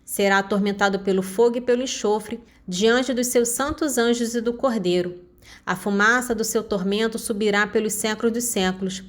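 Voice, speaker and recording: A woman calmly reading Bible passages and short summaries in an even, measured way. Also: mid-range voice. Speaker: Bible reader.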